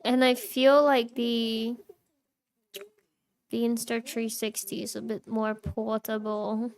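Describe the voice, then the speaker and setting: Chatty young woman streamer, unhurried. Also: fairly high pitch, flat delivery. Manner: chatty and reactive, laughs often, answers chat. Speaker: live streamer. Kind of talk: casual live-stream chat with viewers.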